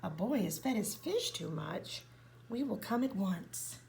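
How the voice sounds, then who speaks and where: A woman voicing a male fireman in a read-aloud storybook, shouting orders loudly. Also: mid-range voice, lively intonation, unhurried, vocal fry, background noise. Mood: commanding. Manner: loud commanding shouts.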